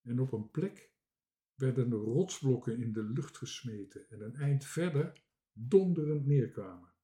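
Male reader for a children's story, slow, warm-toned delivery. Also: medium pitch, expressive. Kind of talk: reading a children's book aloud.

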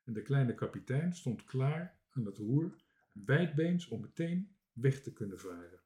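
Man reading a kids book out loud, slow and mellow, really acts it out. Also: medium pitch. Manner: slow, expressive storytelling. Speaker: reader. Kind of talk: reading a children's book aloud.

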